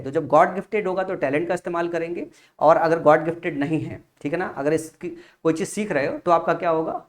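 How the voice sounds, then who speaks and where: A young man teaching a vocabulary lesson, explaining patiently and asking his students rhetorical questions while writing on a board. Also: a little high. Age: young adult father. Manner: often checks in with "theek hai na". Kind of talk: classroom-style vocabulary lesson.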